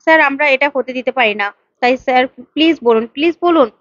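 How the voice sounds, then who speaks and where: A woman's voice: sits high, quick pace, no echo, lo-fi sound, natural voice. A woman voicing a young woman who begs for help for her friend, in a retold serial. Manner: begging.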